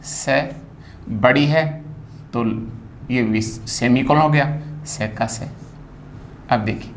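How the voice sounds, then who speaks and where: Slow-spoken male teacher. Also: mid-range voice, a little hiss or hum. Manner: slow, drawn-out spelling of words, repeating sounds. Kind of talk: phonetics lesson.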